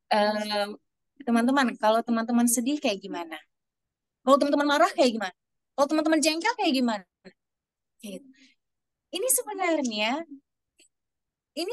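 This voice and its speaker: A woman speaker explains things to a webinar audience in a chatty, rambling way, full of fillers and restarts. Her voice sits a little high. The call audio is dry, with no room sound. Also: no echo. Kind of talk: explaining answers in an online webinar.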